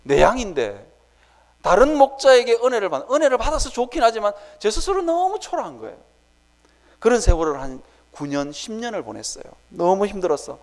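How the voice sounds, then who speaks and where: High, lively male preacher in reverberant church. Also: fairly quick. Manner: animated storytelling, acting out his own prayers. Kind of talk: sermon. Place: church sanctuary.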